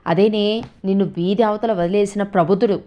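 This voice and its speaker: A woman voicing a sharp-tongued, nagging old grandmother in a read-aloud story, scolding and grumbling. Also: mid-range voice, fairly even intonation, brisk, lo-fi sound, close to an everyday voice. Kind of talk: storytelling with character voices.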